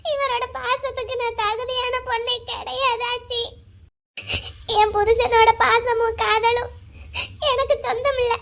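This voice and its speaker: A tearful young wife in a cartoon drama, played by a woman. Her voice is very high, and she pleads softly as she pours out her troubles. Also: gravelly, heavily acted. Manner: pleading, pouring out her grievances. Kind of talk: cartoon voice acting.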